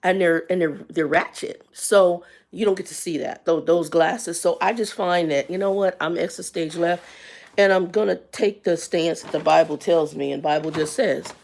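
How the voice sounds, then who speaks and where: A woman's voice: on the low side, steady tone, moderate pace, gravelly, darkish tone. A woman in her fifties telling a personal story on a casual livestream, candid and colloquial, with faith-based asides. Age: 50s. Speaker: livestream host.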